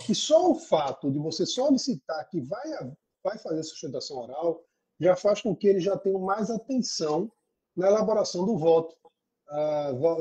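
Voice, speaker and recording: A man's voice: a little high, a little mellow, husky, highs cut off. A man, a lawyer, giving practical advice in an interview and explaining step by step. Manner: didactic, explains in lists. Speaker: lawyer guest.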